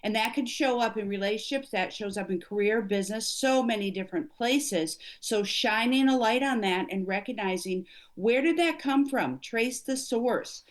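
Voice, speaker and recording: A woman's voice: fairly high pitch, moderate pace, hardly any pauses. A middle-aged woman, an executive coach, speaking earnestly and emphatically as an interview guest. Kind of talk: conversational interview.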